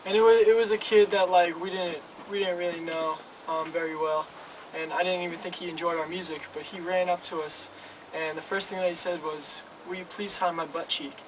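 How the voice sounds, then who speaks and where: A man's voice: high-pitched, steady tone, a little fast. A man in his twenties, a band's front man, chatting casually in an interview with many restarts. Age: 20s. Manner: rambling, stammering restarts. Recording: noisy, from some distance.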